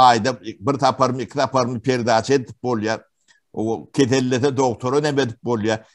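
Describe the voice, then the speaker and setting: A man from Turkmenistan giving testimony in an interview, talking haltingly with many pauses and fillers. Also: medium pitch. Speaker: witness interviewee.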